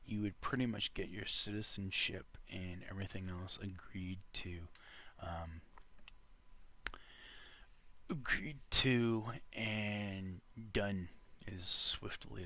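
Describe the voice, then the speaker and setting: A man vlogging in a casual, halting way, often pausing to search for his words. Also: sits low, gravelly, sharp tone. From Canada. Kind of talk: casual talk to camera.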